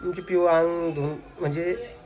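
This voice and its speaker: A young woman talks casually to her family vlog audience. She switches between chatty asides and firm, coaxing words to the children. Her voice sits a little low, with lively family chatter around her. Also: moderate pace. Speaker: family vlogger.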